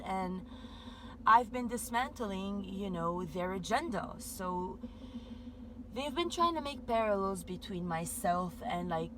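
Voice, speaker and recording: A woman giving a meandering spiritual monologue, full of "like" and "you know" fillers. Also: lowish voice. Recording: steady background noise.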